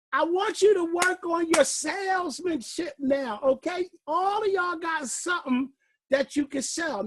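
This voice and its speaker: A man leading a class on a recorded call, delivering it like a fiery preacher, shouting one moment and murmuring the next, and out of breath. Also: very high-pitched, slight background noise. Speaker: class leader. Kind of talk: motivational teaching call.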